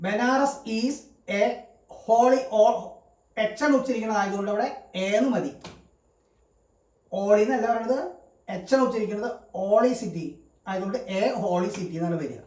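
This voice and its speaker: A man's voice: sits high, normal speed, darkish tone. A male English grammar teacher giving a lesson, explaining step by step and repeating example words. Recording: roomy sound from a distant mic.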